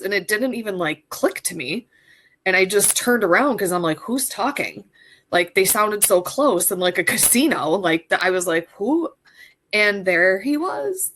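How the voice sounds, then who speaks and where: A woman in her thirties recounting a personal story in an interview, casual and full of fillers. She talks in a chatty, animated way at an ordinary mid pitch. Now and then she jumps high when she acts out her own excited reactions. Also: slight background noise. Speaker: coaching client.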